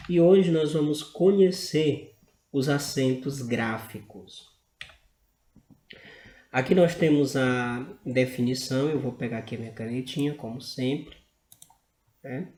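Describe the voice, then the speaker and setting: A Brazilian man teaching a grammar lesson over slides, explaining slowly and checking in with frequent tag questions. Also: medium pitch, a little mellow, roomy sound. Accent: Brazilian Portuguese.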